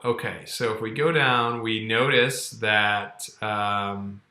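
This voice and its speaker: This accounting course instructor, a man in his thirties, talks slowly in a low, steady voice that sounds pushed and bright. Echoing indoor acoustics surround his casual screen-share lesson, where he explains step by step and keeps checking in with "okay" and "all right."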